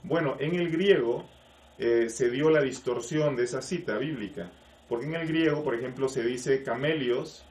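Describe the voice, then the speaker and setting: A man's voice: mid-range voice, moderate pace, a little mellow. A man, a life coach, giving a live-streamed talk to online viewers, explaining with rhetorical questions and greeting viewers by name. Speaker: life coach and spiritual teacher. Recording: echoey room, voice from a distance.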